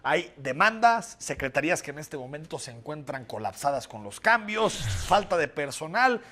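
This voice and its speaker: A man delivering scripted news commentary, explaining and listing points briskly. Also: a little high, big pitch swings, sharp tone.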